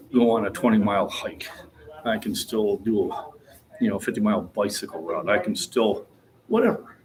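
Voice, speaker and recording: A man's voice: on the low side, a little hiss or hum. A man in his sixties talking casually in a gym about his lifting, plainspoken and rambling. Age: 60s. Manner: plainspoken, rambling, chuckles easily. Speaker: fitness vlogger. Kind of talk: casual gym vlog talk.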